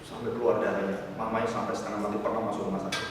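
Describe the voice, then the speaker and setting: A man preaching a sermon, telling stories and moving from hushed tones to loud outbursts when he quotes people. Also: lowish voice, flat delivery, rapid-fire. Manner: swings from hushed to loud when quoting others. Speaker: pastor. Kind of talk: sermon storytelling. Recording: echoey hall from far off, faint noise.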